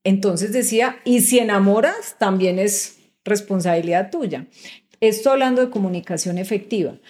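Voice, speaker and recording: A middle-aged woman speaks as a guest in a relaxed interview. Her pitch sits in a mid range for a woman. She explains her points patiently and keeps checking that the listener is following. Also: normal speed. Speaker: guest executive. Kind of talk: conversational interview.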